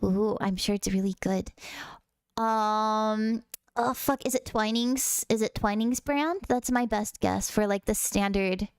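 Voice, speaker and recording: A woman's voice: medium pitch, unhurried, clean tone, no echo, clean studio sound. A woman streaming a game, chatting in a bubbly, casual way with frequent swearing. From United States. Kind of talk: casual gaming stream chat.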